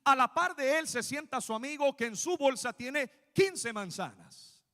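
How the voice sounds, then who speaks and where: A man from Guatemala preaching a sermon as pastor, animated and speaking straight to his listeners as brothers. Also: very high voice, measured pace, long reverb tail. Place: church sanctuary.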